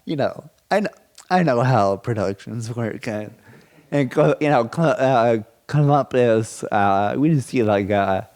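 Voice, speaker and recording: Rambling, excitable male podcast co-host. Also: medium pitch, measured pace. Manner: rambling, excitable, lots of restarts. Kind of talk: casual chat.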